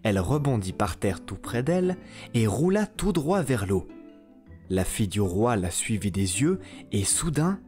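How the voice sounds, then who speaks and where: Slow, low-voiced male storyteller. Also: very animated, darkish tone, soft background music. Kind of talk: scripted fairy-tale narration.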